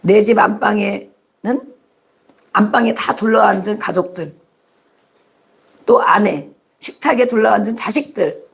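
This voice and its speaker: A woman's voice: medium pitch, measured pace, creaky, long pauses. A woman pastor preaching a sermon, putting rhetorical questions to the congregation and repeating phrases for emphasis.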